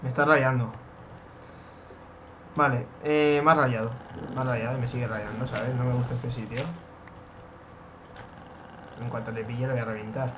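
A young man from Spain with a Spanish accent, giving excitable Minecraft let's play commentary, swearing and shouting when startled. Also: mid-range voice, normal speed, pauses often, background noise. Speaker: gaming youtuber.

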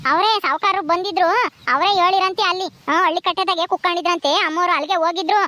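A woman's voice: very high voice, fairly even intonation, quick pace, pushed and bright, no room sound. A woman voicing a young village servant girl who patiently explains things.

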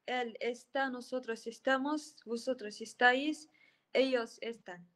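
A woman's voice: a little high, takes it slowly, a bit bright. A woman student reciting Spanish conjugations steadily in an online class.

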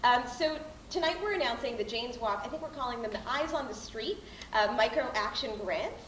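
A woman's voice: on the high side, expressive, a little fast, fairly bright tone, slight background noise. A woman in her thirties with a Canadian accent, chatty and bubbly with many fillers, announcing grants as a board chair to a crowd. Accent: Canadian English. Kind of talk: casual announcement speech. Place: large hall with a mural, indoors. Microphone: far camera, no microphone. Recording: roomy hall from a distant camera.

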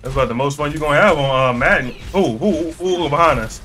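A man with a bright, cutting voice talks over a competitive match. He fires off quick callouts and playful trash talk at his teammates. Faint game music runs underneath. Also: a little high. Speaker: streamer playing a competitive team shooter. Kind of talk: casual gaming chat with teammates.

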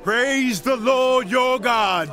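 A man's voice: very high voice, extremely slow, sharp tone, heavily acted. An actor playing a devout king in a dramatized scripture audiobook, declaiming solemnly and fervently. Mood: exultant. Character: King David, devout male ruler addressing his people and God. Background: music.

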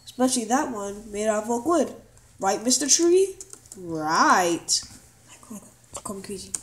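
A woman giving casual, rambling commentary over a gameplay video, excitable and full of quick exclamations. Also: medium pitch.

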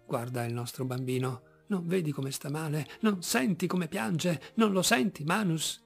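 A man's voice: mid-range voice, unhurried, darkish tone, faint music behind. A man reading a story, voicing a distraught mother who cries out urgently. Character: distraught mother, loud and forceful.

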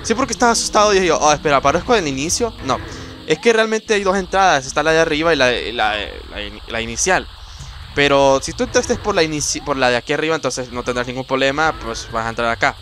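A man's voice: fairly high pitch, lively intonation, quick pace, fairly bright tone, slight background noise. A young man giving casual, rambling let's-play commentary, exclaiming and laughing at the game. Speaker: gameplay commentator. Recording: voice over game music.

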